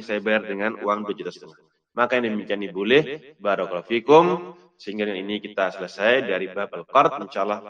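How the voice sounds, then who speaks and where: This man's voice is on the low side with a fairly bright tone. He leads an Islamic lesson, reading Arabic text and explaining it in a didactic question-and-answer style, recorded through a muffled, distant microphone.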